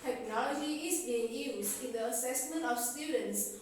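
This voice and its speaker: A woman English teacher whose first language is Vietnamese, reading a lesson text aloud with steady, careful delivery. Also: on the high side, normal speed, a little hiss or hum. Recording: echoey room, voice far from the mic.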